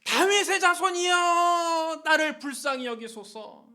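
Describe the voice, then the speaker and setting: A man voicing a blind male beggar, crying out in loud, drawn-out pleas. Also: extremely high pitch, lively intonation. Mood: desperate crying. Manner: loud drawn-out pleading cries.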